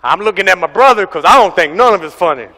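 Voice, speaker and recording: A young man preaching a sermon as pastor, animated and telling stories with acted-out voices. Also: high-pitched, quick pace. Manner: animated storytelling, acting out voices. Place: large church hall. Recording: echoey church hall.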